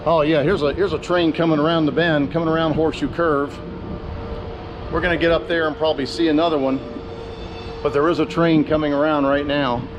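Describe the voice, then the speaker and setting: A man's voice: fairly high pitch, little pitch movement, a little fast, lo-fi sound, background noise. A man narrating a casual travel vlog outdoors, talking eagerly as he walks and points things out, with outdoor sound behind him. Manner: chatty, enthusiastic tour-guide talk. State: out of breath while climbing. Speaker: vlogger. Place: outdoors at a railroad overlook.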